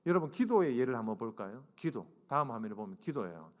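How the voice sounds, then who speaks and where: A man's voice: mid-range voice, fast. A man in his forties, a seminary professor preaching to a congregation, tells a funny story and acts out the dialogue. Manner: animated, acts out dialogue and asks the congregation to raise hands. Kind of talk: humorous storytelling sermon. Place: church sanctuary. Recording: long reverb of a church sanctuary.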